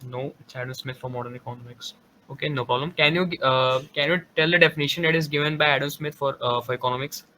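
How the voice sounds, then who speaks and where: A man's voice: medium pitch, steady tone, fast, sharp tone. Male interviewer over faint hiss. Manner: direct questioning with fillers. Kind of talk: online interview questioning. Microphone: computer microphone on a video call.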